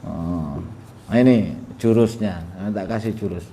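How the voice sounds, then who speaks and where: Ustadz giving a funny talk, slow and easygoing, a bit of noise in the room. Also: male voice, low-pitched, mellow. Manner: humorous, chatty, laughs often, acts out quoted dialogue. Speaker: religious teacher. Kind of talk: sermon.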